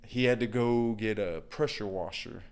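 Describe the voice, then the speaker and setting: Guy with a lowish voice rambling through a job story, lots of "you know". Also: normal speed, darkish tone, smooth. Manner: acts out an angry customer in quoted bursts. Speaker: guest, brick and mortar contractor. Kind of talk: casual storytelling interview.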